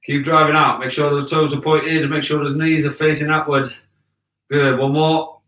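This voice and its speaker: A man's voice: on the high side, level tone, moderate pace, fairly bright tone. A man in his thirties coaching a workout with barked, motivating short commands, recorded in a living room from a few metres away. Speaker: fitness coach leading a home workout. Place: living room with wooden floor, indoors. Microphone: camera a few metres away. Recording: echoey room, distant from the mic.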